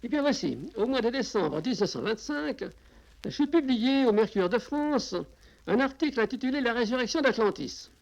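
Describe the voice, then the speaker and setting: A man giving measured, formal answers in a radio interview, heard from an old worn tape. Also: very high-pitched, animated, gravelly. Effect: old worn tape, dull lo-fi sound.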